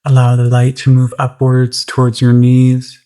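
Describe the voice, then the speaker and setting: In a clean tone, a meditation guide speaks at mid pitch with a very flat, gentle and soothing delivery. The pacing is unhurried, with roomy spaces between phrases.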